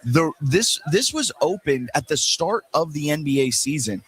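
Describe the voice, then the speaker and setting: A man hosting a sports talk radio show, chatting casually in a playful, animated way, with quick asides and jokes. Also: a little high, poor audio. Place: radio show booth at a live event.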